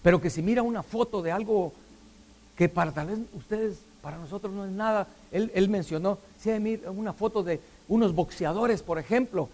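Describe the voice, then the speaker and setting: A man's voice: sits high, normal speed, a little mellow. A middle-aged man preaching a sermon, often putting questions to the congregation. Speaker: pastor.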